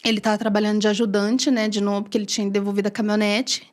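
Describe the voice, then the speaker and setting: A woman with a Brazilian Portuguese accent, a podcast guest telling her personal faith story in casual conversation, animated and acting out the dialogue she quotes. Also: medium pitch, rapid-fire.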